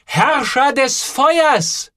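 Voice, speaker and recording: A man reading an audiobook, voicing a young boy who is wary and imaginative, asking things slowly in a raised voice. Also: expressive, a bit bright, no echo, studio quality, exaggerated voice. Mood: wondering. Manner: high, slow, careful questions.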